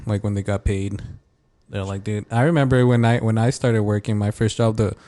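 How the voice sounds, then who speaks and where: A man's voice: on the low side, steady tone, brisk, dark tone. A man of about thirty co-hosting a casual podcast, trading jokey, slangy banter. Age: around 30. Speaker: podcast co-host.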